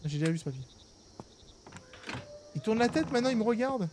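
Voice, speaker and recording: A man's voice: high-pitched, big pitch swings, a little fast, darkish tone, slight background noise. Slangy man doing casual game commentary. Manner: slangy, talks to game characters. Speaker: horror game streamer. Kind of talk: casual gaming commentary with reading of on-screen text.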